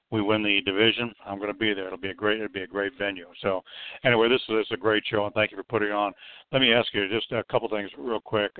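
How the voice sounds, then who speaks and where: Male call-in caller heard over the phone, a rambling fan with a lowish voice on a thin line. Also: clear, resonant tone, dry recording. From Florida. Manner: chatty, rambling fan, piles on quick points. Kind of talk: casual call-in chat. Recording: tinny phone line, dry.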